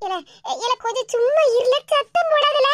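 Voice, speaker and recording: A woman's voice: extremely high pitch, moderate pace, no room sound. A woman voicing a worried older mother who keeps trying to make peace, speaking Tirunelveli Tamil. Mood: pleading. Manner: pleading, soothing, fretful asides. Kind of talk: cartoon voice acting.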